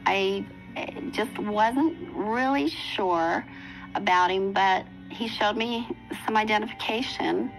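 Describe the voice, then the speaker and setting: A woman in her sixties telling her own story in a documentary interview, earnest and reflective, with pauses and restarts. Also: medium pitch, gravelly, soft background music, rough recording. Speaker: interviewee recounting her past.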